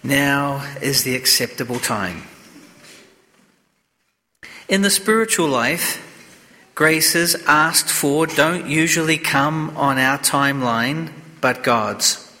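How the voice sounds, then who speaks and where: Priest guy giving a slow solemn sermon, bright forceful voice, big cathedral echo. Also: mid-range voice. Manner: solemn, deliberate, measured phrasing. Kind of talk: sermon and scripture reading at Mass. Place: inside a church. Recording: long cathedral-like echo of a church.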